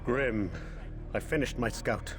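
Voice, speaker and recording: A man's voice: mid-range voice, slow pace, over music, close to an everyday voice. A man playing a grim, dutiful scout giving a report in a video game. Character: grim, dutiful male scout reporting to his brother-in-arms. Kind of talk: video game character acting.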